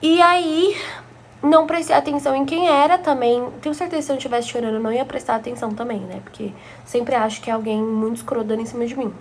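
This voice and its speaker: A woman's voice: on the high side, steady tone, quick pace, slight background noise. A young woman from Brazil telling a personal story to her viewers in a chatty, gossipy way. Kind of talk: casual storytime narration.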